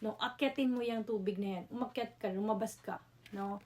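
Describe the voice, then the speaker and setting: A woman's voice: medium pitch, steady tone, a little fast, darkish tone, a little hiss or hum. A woman with a Filipino accent doing a casual tarot reading, chatty, mixing Tagalog and English with frequent "no?" tag questions. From Philippines. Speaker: tarot reader.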